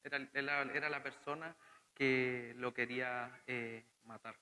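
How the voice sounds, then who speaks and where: A young Chilean man preaches a sermon with a very bright, forward voice. He talks earnestly and plainly, often asking the congregation questions. His pitch sits in a middle range for a man. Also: fairly even intonation, unhurried, smooth, rough recording. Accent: Chilean Spanish.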